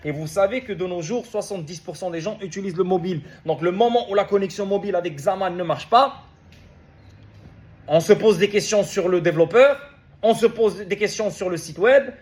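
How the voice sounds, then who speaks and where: A man's voice: high voice, fairly quick, darkish tone. A man speaking to his followers in a heated, rambling monologue, swearing and repeating himself. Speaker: crypto project founder.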